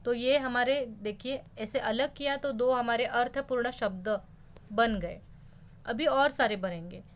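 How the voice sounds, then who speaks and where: A woman's voice: a little high, a little slow. Patient woman teacher explaining a lesson. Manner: patient, explanatory, mixes in English words.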